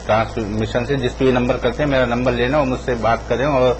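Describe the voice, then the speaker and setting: A man's voice: medium pitch, fairly even intonation. A man giving earnest, unscripted feedback as a judge and teacher on a panel. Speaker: judge and recitation teacher on the show. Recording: noisy live broadcast sound.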